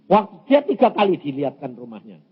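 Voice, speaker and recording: An elderly Javanese-accented evangelist preaches and tells stories, his fairly high voice leaping all over the place. The tone is husky, and the lo-fi recording dulls it. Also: brisk. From Indonesia. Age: 80s. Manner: animated, acts out dialogue with many voices. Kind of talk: sermon with storytelling. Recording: muffled lo-fi sermon recording.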